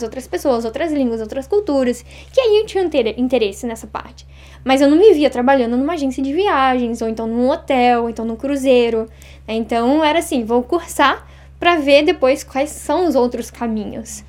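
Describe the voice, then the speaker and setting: A woman in her thirties from Brazil, chatting as an interview guest, talking fast and acting out little quoted exchanges. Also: high voice, darkish tone. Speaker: interview guest, Japanese teacher. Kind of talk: casual interview chat.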